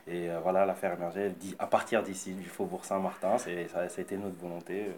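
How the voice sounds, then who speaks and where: An investor behind a concept store answers interview questions in a low, level voice with a darkish tone. His talk is quick, repetitive, and stumbling.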